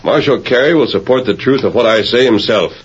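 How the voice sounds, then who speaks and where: An actor playing the Lone Ranger, a calm, commanding masked hero, in an old radio drama, speaking in a firm, measured way. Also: male voice, mid-range voice, lightly acted. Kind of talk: 1940s radio acting. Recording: dull lo-fi old radio broadcast with faint hiss.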